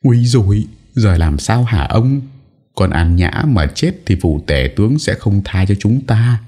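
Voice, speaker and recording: A man putting on a fretful elder matriarch in a storybook reading. She chides and frets in a lifted, husky voice that rises and falls a great deal. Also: medium pitch, expressive, normal speed, dark tone, voice pushed up. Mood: alarmed. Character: elder first wife, older woman of the house.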